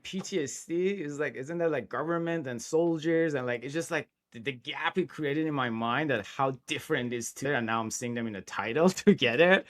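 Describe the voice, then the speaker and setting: A man, talking casually and animatedly as a podcast guest. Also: a little high. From Iran. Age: 40s. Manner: animated, chatty, laughs between thoughts. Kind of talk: casual interview talk.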